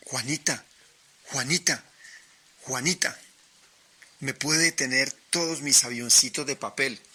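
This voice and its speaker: Smitten little schoolboy, soft and pleading, slow and bright, as a male storyteller plays him. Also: medium pitch, slightly rough, full character voice. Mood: tender.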